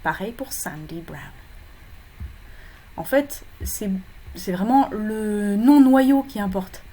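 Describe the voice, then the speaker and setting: Woman with a mellow voice teaching phonology. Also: mid-range voice, takes it slowly. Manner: explanatory, with frequent fillers and self-corrections. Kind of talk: recorded lecture for exam preparation.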